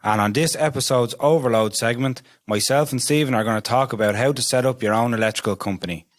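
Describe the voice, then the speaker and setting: A man's voice: mid-range voice, fast talker. A man co-hosting an interview podcast who talks steadily and agrees with his guests. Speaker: podcast co-host.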